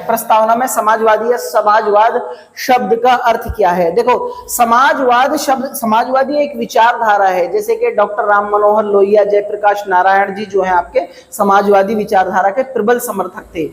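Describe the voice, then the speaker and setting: A man teaching an exam prep lecture, slowly repeating key phrases to drill his students. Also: sits high, steady tone, slight background noise. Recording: echoey classroom, long reverb.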